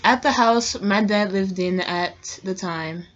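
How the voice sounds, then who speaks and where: A woman's voice: medium pitch, slow, dull audio, slight background noise. A young woman reading a ghost story aloud in a casual vlog, chatty and sometimes stumbling on words. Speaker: co-host reading scary stories.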